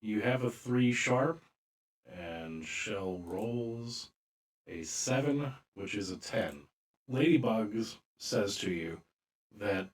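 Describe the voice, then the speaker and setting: A man narrating a tabletop role-playing game as game master, calm and matter-of-fact. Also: fairly low pitch.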